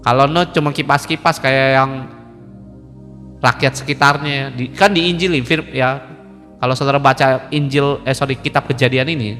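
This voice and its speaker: A man preaching a loose, conversational sermon, joking and acting out little dialogues as he goes. His voice is bright and sharp. It rings with a long hall reverb over faint music behind him. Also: mid-range voice. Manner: colloquial, joking, acts out dialogues. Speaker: pastor. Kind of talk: informal sermon.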